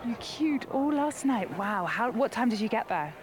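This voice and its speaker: A woman reporter speaks with a fan outdoors at a busy tennis venue. She is upbeat and friendly, and her pitch sits a little high. A crowd is clearly audible all around her. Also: lively intonation, moderate pace. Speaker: roving reporter. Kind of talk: on-site fan interview.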